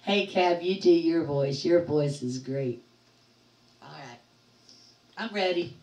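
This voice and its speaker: A woman's voice: sits low, slow pace, darkish tone. An older woman hosting a music livestream from her home, chatting cheerfully and greeting viewers by name. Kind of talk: casual chat with viewers. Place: home in a trailer park. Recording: roomy, distant from the mic.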